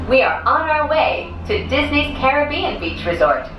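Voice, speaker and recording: A woman making a polite, measured recorded passenger announcement, played over a cabin loudspeaker inside a moving gondola. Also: sits high, very animated, recorded from a distance, lo-fi sound, soft background music. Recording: echoey loudspeaker with ride noise, from afar.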